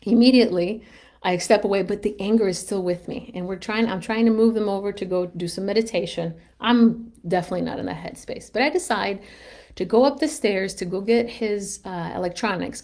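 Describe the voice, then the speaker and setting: A woman's voice: mid-range voice, steady tone, brisk, gravelly, darkish tone. A woman in her thirties, a mom telling a personal story on a casual live stream, candid and self-reflective, rambling with restarts and laughing at herself.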